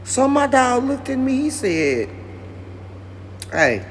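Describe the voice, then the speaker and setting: A man's voice: very high voice, very animated, a little slow, a little hiss or hum. A male comedian telling a rambling comic story and talking directly to his audience.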